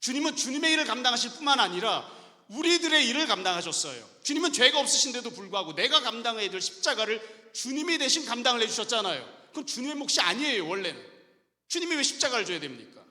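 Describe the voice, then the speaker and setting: Animated middle-aged male pastor preaching. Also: extremely high pitch, fast. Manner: emphatic preaching with rhetorical questions. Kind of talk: sermon. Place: church sanctuary. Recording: reverberant church hall.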